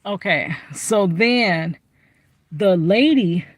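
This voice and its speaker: A woman's voice: medium pitch, extremely slow, dry recording. A woman chatting animatedly to camera from inside her car, telling a story with lots of asides. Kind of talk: casual storytime.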